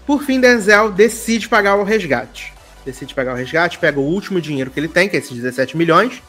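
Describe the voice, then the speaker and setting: Animated Brazilian man retelling a film. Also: high voice, a little fast, faint music behind. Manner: animated storyteller acting out dialogue voices. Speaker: podcast co-host. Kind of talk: casual chat, retelling a film plot.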